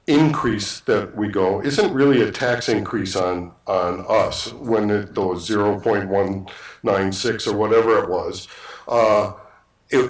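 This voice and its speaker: Halting man candidate, echoey hall. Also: lowish voice. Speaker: trustee candidate. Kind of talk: candidate forum answer. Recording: echoey hall, mic from far off.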